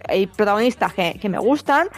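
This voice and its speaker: A woman's voice: mid-range voice, lively intonation, brisk, soft background music. A woman with a Spain Spanish accent in a casual film chat, frank and slangy.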